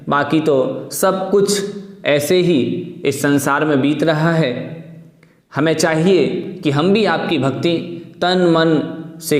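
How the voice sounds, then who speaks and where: A man from India teaching a devotional hymn class, explaining pronunciation patiently and chanting the verses slowly. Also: on the high side. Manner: patient, repeats words slowly for pronunciation drill. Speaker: religious teacher. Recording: roomy echo with long reverb.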